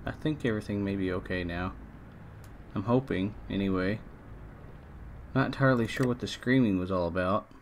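A man giving casual let's-play commentary, chatting to his game characters and breaking into excited outbursts. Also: fairly low pitch, moderate pace, long pauses, slight background noise. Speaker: gameplay streamer. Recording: faint game music behind.

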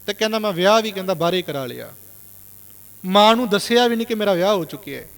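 A man's voice: sits high, fairly bright tone, in a large hall. A Sikh preacher telling a moral story in an earnest sermon, repeatedly inserting "he said.".

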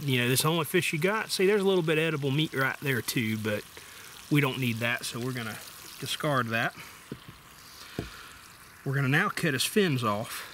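A man's voice: a little high, a bit bright. A middle-aged man, talking through a casual how-to while working at an outdoor camp table. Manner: plain, folksy, step-by-step explaining while working with his hands. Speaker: outdoor survival vlogger. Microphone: camera mounted overhead. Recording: water pump noise in background.

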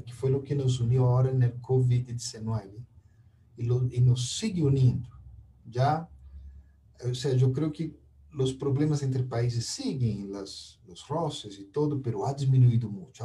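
A middle-aged man with a Brazilian Portuguese accent, sharing spiritual thoughts in an easy, conversational manner. His voice is deep-toned and very warm and mellow. He sounds a little distant from the microphone. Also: a little hiss or hum. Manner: unhurried, often ends points with "¿ya?". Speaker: spiritual speaker. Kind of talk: reflective conversational talk.

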